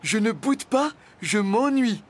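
A man's voice: very high voice, animated, unhurried, a bit bright, voice pushed up, full character voice. A man voicing a bored, stubborn young male dragon who longs for adventure, in a storybook reading. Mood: excited. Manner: whiny, stubborn.

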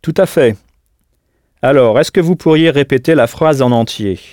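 A man's voice: medium pitch, moderate pace, a little mellow, no echo, studio quality. A man teaching a scripted audio language lesson, patient and didactic, prompting the listener to answer.

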